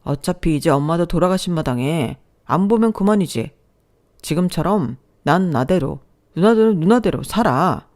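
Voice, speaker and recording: A woman's voice: lowish voice, lively intonation, moderate pace, darkish tone, lightly acted. A woman reading the part of a callous middle-aged husband who speaks curtly and dismissively. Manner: dismissive, curt.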